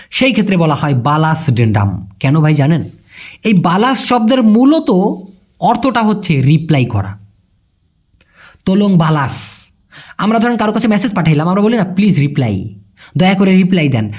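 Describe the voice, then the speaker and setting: Lively high-voiced Bangladeshi man teaching. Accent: Bangladeshi Bengali. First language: Bengali. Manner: chatty, repeats words slowly, calls listeners brother. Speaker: language teacher. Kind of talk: casual spoken lesson.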